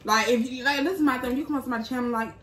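A woman's voice: high-pitched, very fast, a bit bright. A woman in her thirties chatting casually as a vlogger, blunt and emphatic, sassy in how she answers viewer comments. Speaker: vlogger and mukbang host. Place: indoors, small bare-walled room at home. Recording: roomy echo, faint background noise.

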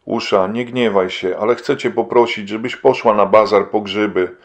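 A man reading an audiobook and voicing a faithful preacher husband who speaks calmly, solemnly and with resignation. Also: on the low side, moderate pace, natural voice.

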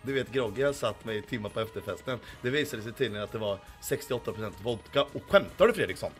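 Hoarse guy streaming and reading chat, swears a lot, bit of music behind. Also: fairly low pitch. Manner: crude, swearing, boastful banter. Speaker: livestreamer. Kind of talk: casual livestream chat, reading chat.

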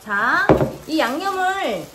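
Lively high-voiced mother coaxing her kids. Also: slow pace, heavy background noise. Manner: coaxing, sing-song praise to kids. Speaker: mother and vlog host. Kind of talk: casual instructions to children mixed with product narration.

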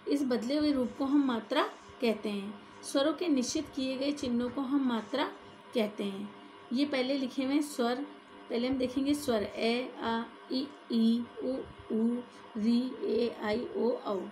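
A woman's voice: a little high, measured pace, darkish tone. A woman teaching a grammar lesson, explaining step by step and often checking in with her listeners.

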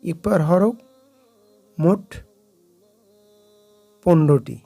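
A man teaching Quran recitation rules in a slow explanatory lesson, drawing out the Arabic examples. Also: on the high side, lively intonation, vocal fry, mellow.

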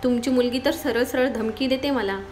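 A woman's voice: fairly high pitch, steady tone, moderate pace, darkish tone, slight background noise, natural voice. Woman reading a jokey young man, easygoing, storybook voice. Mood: joking.

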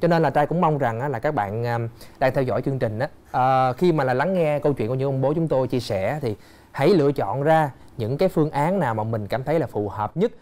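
Talk-show host speaking to viewers. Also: male voice, mid-range voice, animated, brisk, a little mellow. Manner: conversational, addresses viewers directly.

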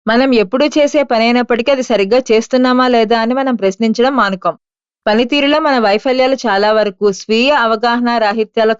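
A woman reading an audiobook aloud in a steady, measured manner. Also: fairly high pitch, clear, resonant tone, no room sound, dull audio. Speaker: audiobook narrator. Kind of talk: scripted audiobook narration.

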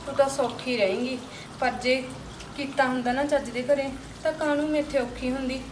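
A woman's voice: high-pitched, close to an everyday voice. A woman playing a fed-up young daughter-in-law who complains about her household, speaking. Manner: complaining, rapid arguing. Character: fed-up young wife, quarrelsome then weary. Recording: echoey room from a far mic, noisy.

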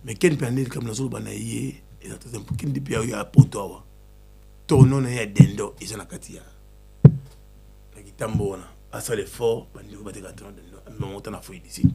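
A man talking excitedly in a casual chat, switching between Lingala and French. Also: on the low side, fairly quick, vocal fry, over music.

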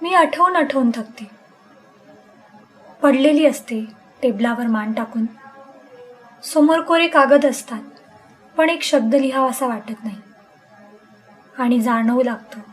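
A woman reading a first-person story in an expressive, intense, dramatic way. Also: high-pitched, a little slow, pauses often, soft background music, low-quality recording. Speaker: story reader.

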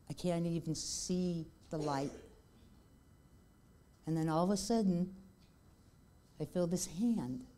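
An older woman giving a heartfelt testimony in church, slowing down on key points. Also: fairly low pitch, dark tone, slight background noise. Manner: heartfelt, slow when emphatic.

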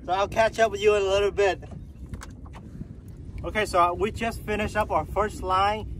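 Man, 30s, fishing vlogger, high-ish voice, chatty and repetitive, outdoors on a windy lake. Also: fairly even intonation, normal speed, fairly bright tone, poor audio. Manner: chatty, repeats himself, points things out as he works. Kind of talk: casual play-by-play narration. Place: canoe on an open lake, outdoors. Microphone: camera mounted on the canoe, a few feet away. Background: wind and lapping water.

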